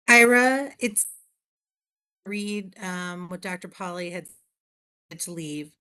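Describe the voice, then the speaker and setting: A woman giving a short update on a remote video call while passing through a tunnel. Her audio breaks up and cuts out, so she comes through in halting, apologetic fragments. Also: fairly low pitch, pushed and bright, clear, resonant tone, faint music behind. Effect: video call audio breaking up and cutting out. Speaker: university representative at a board meeting.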